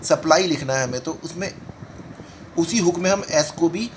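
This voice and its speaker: Brief: male shorthand tutor, a bit higher voice, patient and repetitive, faint hiss behind. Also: poor audio. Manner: explains while writing, repeating each word slowly. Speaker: shorthand teacher. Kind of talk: step-by-step lesson talk in Hindi-English mix.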